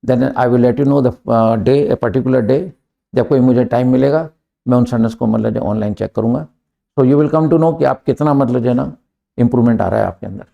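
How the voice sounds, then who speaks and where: A middle-aged man with an Indian accent teaching an English grammar lesson in Hindi and English, slowly dictating example sentences and often asking "clear?". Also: mid-range voice, highs cut off. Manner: slow deliberate dictation of example sentences, frequent "clear?" checks.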